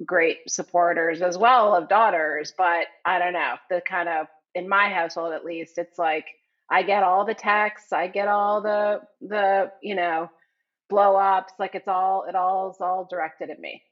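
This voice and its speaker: A woman's voice: on the low side, fairly even intonation, measured pace. Podcast co-host, woman, forties, casual and joking, slightly muffled recording. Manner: chatty, laughs often, mock-formal jokes. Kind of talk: casual chat.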